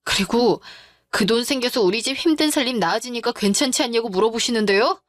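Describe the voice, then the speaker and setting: Woman voicing a grieving young adult daughter, tearful, firm, confrontational, slightly high voice. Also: fairly quick, no room sound, studio quality, lightly acted. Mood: upset. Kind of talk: storytelling drama voice acting.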